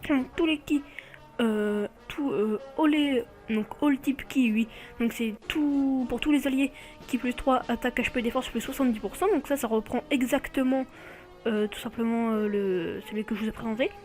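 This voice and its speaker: A woman with a somewhat high-pitched voice hosts a relaxed showcase of game cards. She talks freely and keeps catching and fixing her own slips as she goes. Soft music plays quietly behind her. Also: normal speed. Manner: chatty, often corrects herself mid-sentence. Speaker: video host. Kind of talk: casual mobile game card showcase.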